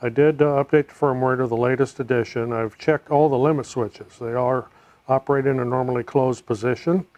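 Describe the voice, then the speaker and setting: A middle-aged American man narrating a hands-on repair casually, in a low-key way, as if muttering to himself while he works. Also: fairly even intonation, brisk, a little mellow. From United States. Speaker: DIY repair video host. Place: home room, indoors.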